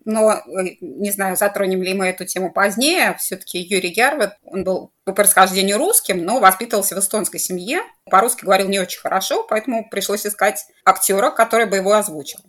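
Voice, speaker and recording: A woman co-hosting a conversational film discussion, talking in a measured, explanatory way. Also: medium pitch, fairly bright tone.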